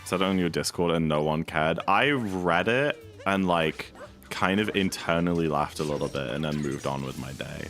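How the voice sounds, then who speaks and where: A man's voice: low voice, moderate pace, a bit bright, soft background music. A man streaming a speedrun, chatting casually and rambling with lots of fillers while he reads and answers his chat.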